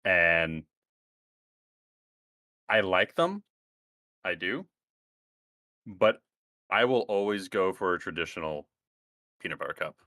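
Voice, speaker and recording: A man with a very low voice and a bright, forceful edge, rambling and joking crudely in casual podcast chat. The sound is dry and close. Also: animated, slow pace, long pauses, no echo. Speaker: podcast co-host.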